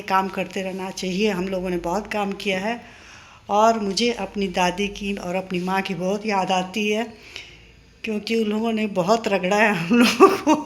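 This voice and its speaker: Older woman, home vlog, chatty, reminiscing, warm encouragement, mid-pitched voice. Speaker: vlogger. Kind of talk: casual home vlog chat. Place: home in a paying-guest house.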